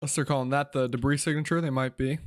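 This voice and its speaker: A man hosting a live weather stream, giving informal, urgent and excitable storm commentary while thinking aloud. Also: mid-range voice, fast talker.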